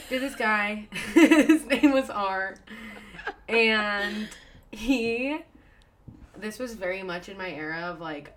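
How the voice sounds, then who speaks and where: A woman's voice: medium pitch, a little hiss or hum. A woman in her twenties co-hosting a podcast, telling a story in casual chat, candid and laughing often. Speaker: podcast co-host.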